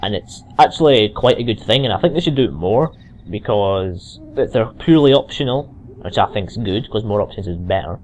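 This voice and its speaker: A man's voice: on the low side, lively intonation, brisk, a little mellow. A man with a mild Scottish accent rambling through casual gameplay commentary, full of restarts and asides, on a cheap microphone. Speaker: let's play commentator.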